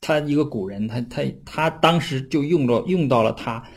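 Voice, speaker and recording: Husky man giving a chatty lecture. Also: medium pitch. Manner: chatty, often adds tag questions for listeners; slows down to read classical text aloud. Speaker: classics lecturer. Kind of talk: casual explanatory lecture.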